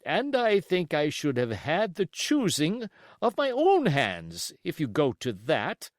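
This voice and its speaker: Male reader playing stern sea captain, audiobook character, raised pitch, very slow, clipped, stubborn, emphatic. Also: huge pitch swings, no room sound, clean studio sound, heavily acted. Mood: blunt, disapproving.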